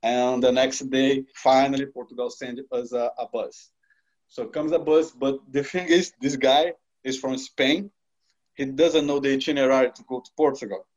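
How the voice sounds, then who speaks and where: A man telling a personal travel story in casual, non-native English, acting out the dialogue with sudden shifts in tone. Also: medium pitch. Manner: animated, acts out dialogue with quick shifts in tone; non-native phrasing, frequent restarts. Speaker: storyteller recounting a personal trip. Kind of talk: casual spoken anecdote. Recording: dull lo-fi recording.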